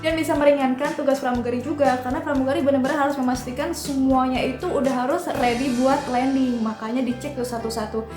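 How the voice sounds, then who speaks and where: A high-voiced woman chats informally to viewers as she explains procedures step by step. Her voice rings in a roomy space, with clear music behind it. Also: steady tone, quick pace, hardly any pauses. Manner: informal, instructive, addressing viewers directly. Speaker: vlogger explaining cabin crew procedures. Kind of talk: casual explainer chat.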